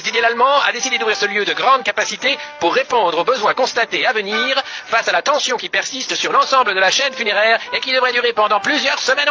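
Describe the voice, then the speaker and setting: A man with a French accent reading a scripted news bulletin like an old newsreel narrator, formal and declamatory. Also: extremely high pitch. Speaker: news announcer. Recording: dull lo-fi radio sound, music behind. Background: music.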